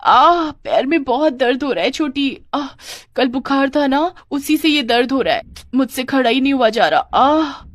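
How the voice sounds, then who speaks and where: A woman's voice: on the high side, fairly even intonation, fairly quick, few pauses, dry recording, pitched above the performer's own voice, natural voice. A woman doing a whiny, scheming young wife.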